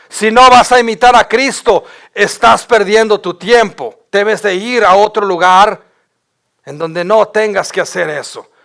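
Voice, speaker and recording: A man's voice: high-pitched, creaky, fairly bright tone. A male pastor, preaching an impassioned sermon and stammering over repeated words as he builds his points.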